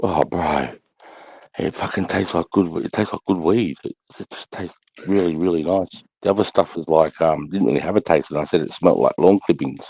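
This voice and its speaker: A man's voice: sits low, fairly quick, a little mellow, breathy edge. A man chatting casually on a livestream in a blokey, slangy way with heavy swearing. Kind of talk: casual chat. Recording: muffled, roomy livestream audio.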